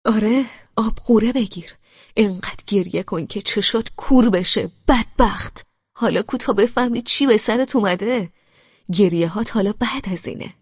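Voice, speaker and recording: A woman narrator voicing a furious young man who shouts scornful, sarcastic rebukes at his sister. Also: mid-range voice, husky, dry recording. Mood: furious scolding. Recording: dry, slightly dull studio audio.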